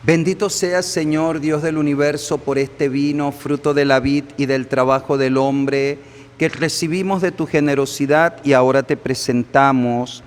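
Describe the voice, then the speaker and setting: Slow, solemn priest in a reverberant church. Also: male voice, medium pitch, fairly even intonation. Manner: solemn, measured, deliberate phrasing. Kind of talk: sermon and liturgical prayer. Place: large echoing church. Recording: long reverberant church echo.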